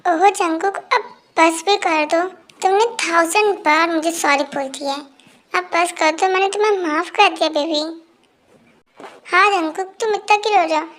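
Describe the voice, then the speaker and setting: A young amateur dubber voicing a young husband in a fan-fiction dub, at first irritated and then gently coaxing. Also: very high-pitched, normal speed. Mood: soothing. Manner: exasperated, then soothing.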